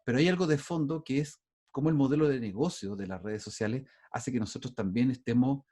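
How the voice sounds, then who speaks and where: Brisk and dark in tone, this mid-range voice comes from a middle-aged man with a Chilean Spanish accent teaching university students by video call. His delivery is casual and full of restarts.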